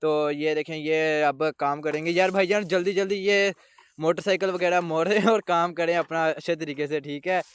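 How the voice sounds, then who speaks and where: A man's voice: a little high, fairly even intonation, normal speed, smooth. A man, vlogging casually outdoors on a farm, talking straight to viewers and calling out to helpers. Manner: chatty, addresses viewers directly, calls out to helpers. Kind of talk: casual vlog commentary while working outdoors.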